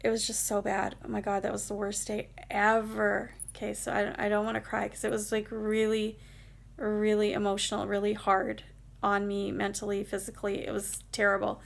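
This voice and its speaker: A woman vlogger telling a story from her own life, talking in a casual, rambling way with lots of fillers. Her voice is mid-pitched and full of heavy vocal fry, a gravelly creak running through her speech. She sounds emotional as she tells it. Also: monotone, moderate pace.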